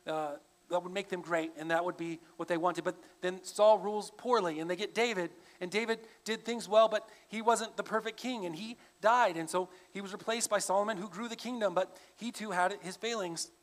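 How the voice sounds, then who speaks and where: A man's voice: high voice, steady tone, fairly quick. A male pastor preaching a sermon in a conversational, explaining way. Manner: conversational, with frequent restarts. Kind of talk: expository sermon.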